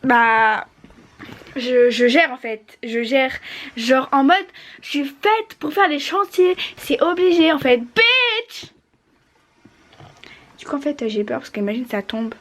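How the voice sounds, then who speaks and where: A woman's voice: high-pitched, a little slow. A woman chatting casually and playfully during a home vlog. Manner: playful, loud outbursts. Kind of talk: casual chat.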